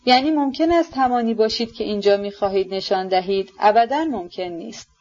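A woman reading a novel aloud and voicing a gentle, earnest young prince who speaks softly and sincerely. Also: mid-range voice, dull audio, natural voice. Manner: soft, reproachful yet sincere.

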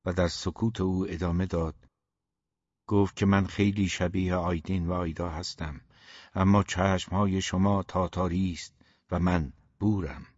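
A man narrating a novel aloud in a steady, measured reading, in a dull, dry recording. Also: low voice, dry recording. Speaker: audiobook narrator.

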